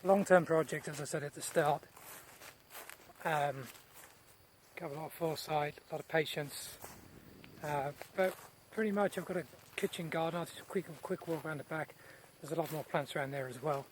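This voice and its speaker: A man giving a casual, unscripted garden tour outdoors, speaking in short phrases with pauses between them. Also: fairly high pitch. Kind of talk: casual rambling vlog narration. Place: outdoors in a large rural garden. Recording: noisy outdoor recording with nature sounds.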